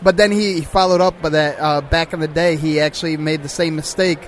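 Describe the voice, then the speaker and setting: Laid-back man, higher voice. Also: steady tone, fairly quick, slight background noise. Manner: laid-back, swears, laughs often. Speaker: podcast co-host. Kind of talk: casual chat.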